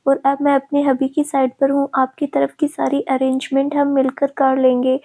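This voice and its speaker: A woman's voice: sits high, monotone, normal speed, mellow. A woman voicing a teasing, affectionate young woman in love, in a storybook reading.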